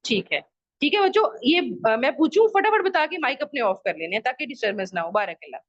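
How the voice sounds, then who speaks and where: A woman's voice: sits high, very animated, a little fast, dry recording, lo-fi sound. A woman teacher giving an online lesson to children, patiently repeating rules and examples and asking the class questions. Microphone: video call microphone.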